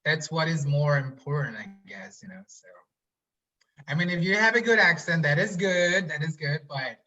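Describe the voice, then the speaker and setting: A man's voice: on the high side, animated, moderate pace, sharp tone, soft background music. Young indonesian-born guy, american-ish accent, keeps saying you know, dull muffled sound. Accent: American-influenced English. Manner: earnest, reflective, fillers "you know" often. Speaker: guest, PhD student. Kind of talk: casual interview chat.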